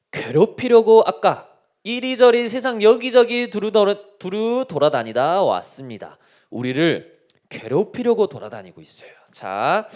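A male pastor giving a sermon to children, speaking in a lively way and constantly asking them questions. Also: fairly high pitch.

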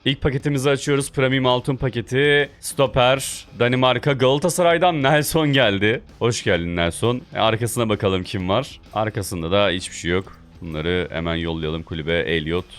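A young man, a gaming video host, giving excitable play-by-play commentary on his own football game, often shouting at his players. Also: mid-range voice, normal speed, few pauses. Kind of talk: live gameplay commentary.

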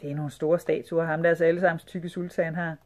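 A woman's voice: low-pitched, little pitch movement, a little mellow, natural voice. Woman doing a small boy muttering to himself. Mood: scheming. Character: small sneaky curious boy.

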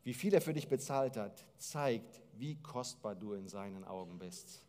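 Gesturing pastor preaching in a hall. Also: male voice, lowish voice, moderate pace. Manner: lively, gesturing storyteller. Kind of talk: sermon. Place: church stage hall. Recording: long hall reverb.

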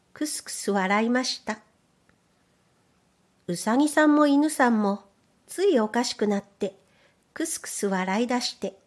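A woman reads children's stories aloud. Her voice is slightly high and gentle, and she takes her time over each line. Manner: gentle, careful, measured. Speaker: reader and voice trainer. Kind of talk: storybook narration.

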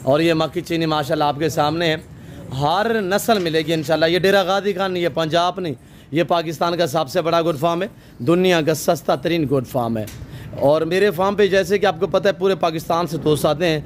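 This is a man hosting a promotional vlog at his goat farm, and his voice sits a bit high for a man. He talks effusively and keeps adding blessings. There is a faint outdoor noise under his voice. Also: a little fast. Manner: effusive, many religious blessings. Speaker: goat farm owner and vlogger.

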